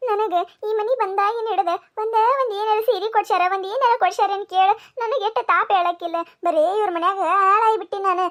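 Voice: very high-pitched, steady tone, quick pace, few pauses, a bit bright. A performer voicing a sulky, defiant young village daughter-in-law in a cartoon, with a North Karnataka Kannada accent. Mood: whiny. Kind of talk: cartoon comedy voice acting.

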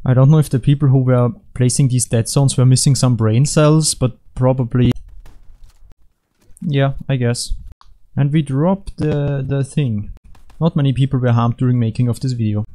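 A man talks over his game footage in a relaxed, mellow voice, dropping deadpan jokes and rambling asides. He sounds like a casual gamer commenting from his home computer. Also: mid-range voice. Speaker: gaming commentator. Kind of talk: joking gameplay commentary.

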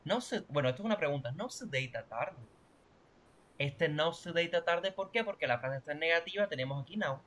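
A man's voice: on the high side, expressive, quick pace, hardly any pauses, fairly bright tone. A man teaching a language class online, explaining grammar and often checking that students follow. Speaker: Portuguese teacher.

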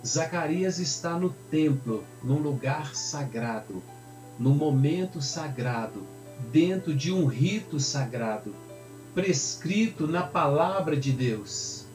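A man's voice: on the high side, expressive, slow, a little mellow. A man, a pastor explaining a Bible passage in a conversational way, in a roomy space with faint music behind. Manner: explanatory, conversational, uses tag questions. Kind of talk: Bible teaching sermon.

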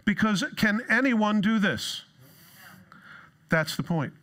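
A middle-aged man preaching from a church stage, lively and sarcastic, jumping into a higher voice when he quotes someone. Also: slow pace. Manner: lively, jumps into a high voice for quoted lines. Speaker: pastor. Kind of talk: sermon.

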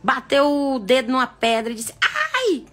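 A woman's voice: high voice, normal speed, fairly bright tone, soft background music. A woman hosting a live stream, talking frankly with jokes and asides, shifting her pace for emphasis. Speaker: psychic live-stream host. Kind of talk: casual live-stream chat.

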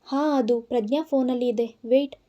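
A woman's voice: a little high, fairly even intonation, moderate pace, dark tone, lo-fi sound, lightly acted. A woman voicing a young woman, a loyal friend who speaks tearfully and earnestly, in an audio story.

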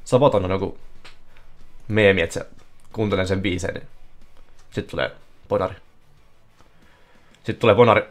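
A man streaming casino slot games live, giving excitable running commentary that bursts into yelling at big wins. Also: low voice, long pauses. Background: faint music playing.

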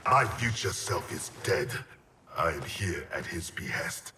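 A man voicing a vengeful undead ninja warrior in a video game cutscene, grim and measured. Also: sits low, animated, noisy background.

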